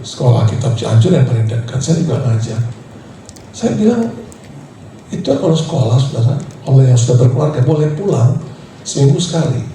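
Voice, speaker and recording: A pastor preaching a sermon, telling a personal story in a lively, storytelling way and laughing as he goes. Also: medium pitch, fairly quick, a little hiss or hum. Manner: storytelling, animated, laughing through anecdotes. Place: church sanctuary. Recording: echoey church hall from far off.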